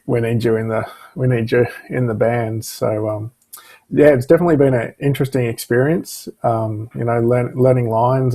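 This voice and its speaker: Male musician on a video call, husky and monotone, relaxed and hesitant. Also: medium pitch. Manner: easygoing, hesitant with many ums. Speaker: debut actor and drummer. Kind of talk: casual video-call chat.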